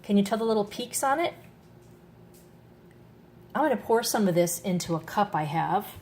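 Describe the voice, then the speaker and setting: A woman's voice: mid-range voice, animated, moderate pace, a little mellow, slight background noise. Chatty woman demoing a gadget. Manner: chatty, enthusiastic, self-mocking. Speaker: product reviewer. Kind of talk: casual demo talk to camera. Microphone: handheld camera mic.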